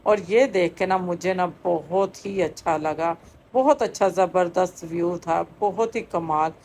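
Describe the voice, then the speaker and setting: A woman's voice: fairly low pitch, darkish tone, slight background noise. A middle-aged woman narrating a vlog in a chatty, casual way, full of fillers. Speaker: vlogger.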